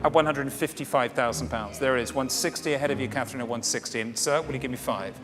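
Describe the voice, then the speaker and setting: A man's voice: mid-range voice, fast, music in the background. A man working as a fine art auctioneer in a saleroom, formally and courteously calling and repeating bids to the room. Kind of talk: live fine art auction bidding patter.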